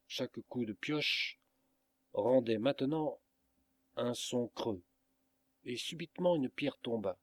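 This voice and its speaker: A man reading a storybook aloud as narrator, in a measured, dramatic manner. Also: mid-range voice, dry recording. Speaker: audiobook reader.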